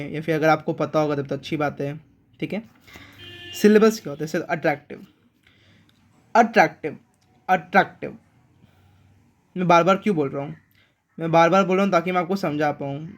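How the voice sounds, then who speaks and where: A man teaching an English grammar lesson in an online class. He repeats key words and asks his viewers questions. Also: fairly high pitch.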